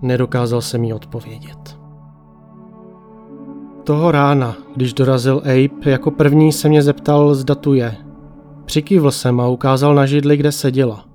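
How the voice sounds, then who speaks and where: A man narrating a ghost story in the first person, calm and measured. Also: mid-range voice. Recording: faint music behind.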